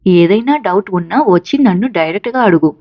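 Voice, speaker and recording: A woman's voice: mid-range voice, animated, a little fast, lo-fi sound, close to an everyday voice. A woman voicing a friendly, matter-of-fact middle-aged male professor. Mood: courteous.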